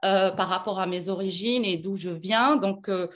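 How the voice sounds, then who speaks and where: A woman's voice: mid-range voice, normal speed. A middle-aged woman from Algeria, a lawyer being interviewed, talking with many fillers and restarts. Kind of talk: casual interview talk.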